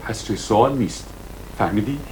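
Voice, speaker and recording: An actor playing a stern, authoritarian male schoolteacher who shouts drills at his class. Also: lowish voice, slight background noise, lightly acted, low-quality recording. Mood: domineering. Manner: barking orders, shouting drills. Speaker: schoolteacher in a film.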